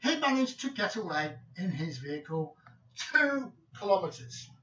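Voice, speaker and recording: A man presenting art for sale with slow, deliberate delivery and groan-worthy jokes. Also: high voice, big pitch swings, sharp tone, distant mic, lo-fi sound, slight background noise. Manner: slow, deliberate, pun-telling. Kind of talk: joke-filled video presentation.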